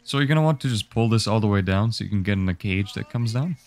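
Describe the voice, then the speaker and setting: Explaining a game guide step by step, this young man keeps things casual, easygoing and unhurried, his fairly low voice carrying lively intonation. There's no room sound at all.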